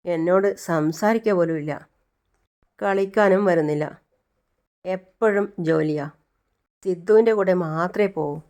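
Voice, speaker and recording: Woman putting on a pouty little girl, low and sulky, refusing everything. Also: unhurried, pauses often, a little mellow. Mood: complaining. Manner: petulant, refusing.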